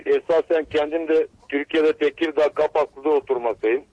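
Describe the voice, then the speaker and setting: A middle-aged man calls in to a radio show over a landline phone, halting and stumbling over his words. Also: a little high, steady tone, no room sound. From Bulgaria. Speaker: caller. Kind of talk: call-in greeting on radio. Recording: dull lo-fi phone line.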